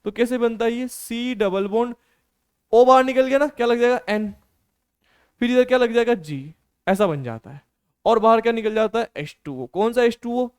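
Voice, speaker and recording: High-voiced guy teaching chem, crisp clear voice, keeps asking the class stuff and answering it himself. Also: expressive, normal speed. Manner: quizzes students and answers his own questions, calls them "beta". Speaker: chemistry teacher. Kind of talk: classroom lecture on a whiteboard.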